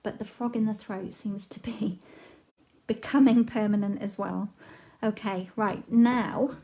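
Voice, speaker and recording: Casting: chatty woman, slight throat frog, relaxed live craft demo host. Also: mid-range voice, slow pace, low-quality recording. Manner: chatty, relaxed, talks while working. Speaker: papercraft demonstrator.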